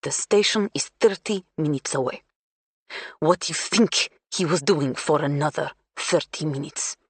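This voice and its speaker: A woman's voice: low voice, unhurried, husky, no room sound, full character voice. Woman doing a blunt, defiant female suspect. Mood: scornful. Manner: clipped, broken English, flat and curt.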